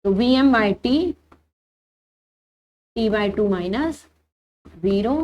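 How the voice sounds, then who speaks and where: A woman's voice: mid-range voice, drawn-out words, highs cut off. A young woman teaching an engineering class, working through each step aloud and answering her own questions. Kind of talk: engineering lecture.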